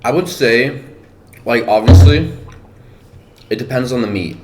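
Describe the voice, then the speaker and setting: A man's voice: mid-range voice, unhurried. A man talking casually on a podcast about competing as a powerlifter, thinking aloud with many fillers. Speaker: powerlifter guest. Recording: echoey room, faint noise.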